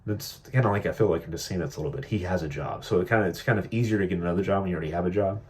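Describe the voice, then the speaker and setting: A man's voice: low-pitched, rapid-fire. A man giving casual political commentary in a vlog, sarcastic and joking, rambling with lots of fillers. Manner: mocking impressions of politicians. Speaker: political vlogger.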